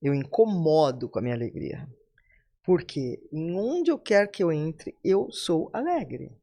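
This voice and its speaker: A woman's voice: sits low, very animated, a little slow, mellow. A woman in her seventies with a Brazilian accent, a podcast guest giving a motivational talk and addressing listeners directly. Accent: Brazilian Portuguese. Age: 70s.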